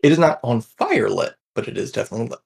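Gravelly-voiced man running a tabletop game. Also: mid-range voice, fast. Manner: relaxed, hesitant narration with fillers. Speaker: game master.

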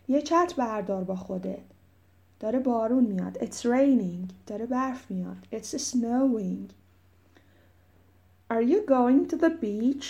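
A woman with a warm, mellow voice runs an English lesson. She reads each example sentence slowly and carefully, then explains it in a loose, chatty way. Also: medium pitch, creaky, muffled recording. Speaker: English teacher. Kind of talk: language lesson in Persian.

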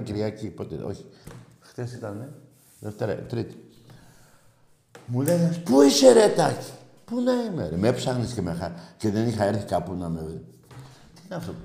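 Shrill, ranting male radio host. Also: roomy sound. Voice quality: shrill, shrieking voice. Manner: excitable, ranting, swears freely. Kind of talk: call-in sports radio banter.

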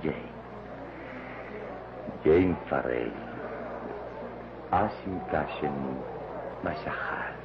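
An actor playing a courteous, mysterious, wise adventure hero in an old radio drama, with solemn, gallant, formal speech. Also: male voice, a bass voice, very slow, long pauses, exaggerated voice. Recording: noisy dull lo-fi radio recording.

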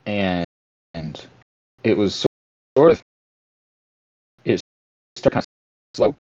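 Low-voiced man, dropping-out line, clipped word endings, muffled call audio. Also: animated, mellow. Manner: rambling, halting with many restarts. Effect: choppy connection with cut-off endings. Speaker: podcast guest, online gamer. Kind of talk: casual chat on an online call.

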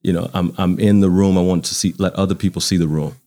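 Talking at a quick pace in a steady tone, this deep, dark-voiced American man in his 40s, from Baton Rouge, Louisiana, is a guest in an interview. His storytelling is casual and reflective as he shares anecdotes in conversation.

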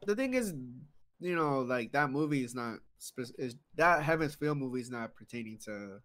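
A man's voice: mid-range voice, animated, normal speed, fairly bright tone. A man co-hosting a podcast, eagerly retelling anime plots in casual chat. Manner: eager storytelling, retells scenes. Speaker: podcast co-host.

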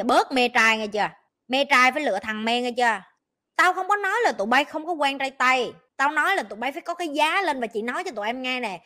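A woman's voice: high-pitched, bright, forceful tone. A woman with a Southern Vietnamese accent, a life coach hosting a podcast and delivering a blunt, scolding, profane advice rant. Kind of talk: ranting advice monologue.

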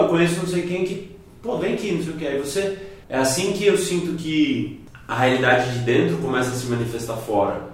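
A man with a Brazilian accent thinking aloud earnestly in long, chained sentences. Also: medium pitch. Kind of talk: casual reflective conversation. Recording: roomy, echoey, distant mic.

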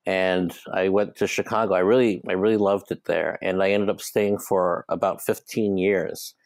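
A man from Hong Kong, in his thirties, telling his story as a podcast guest in a relaxed, rambling way with fillers. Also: low voice, moderate pace, no echo, rough recording. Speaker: guest, startup co-founder. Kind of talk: casual interview talk.

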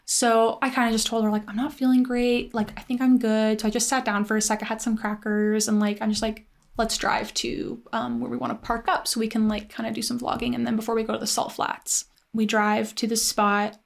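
A young woman casually telling a story, chatty and full of "like" fillers, animated in her retelling. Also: a little high, brisk, vocal fry.

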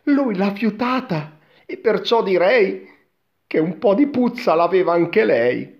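A man voicing a naive young boy in a storybook reading, with a shrill, squealing voice, on a dull lo-fi recording. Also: lively intonation, takes it slowly, gravelly, heavily acted. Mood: excited, frightened.

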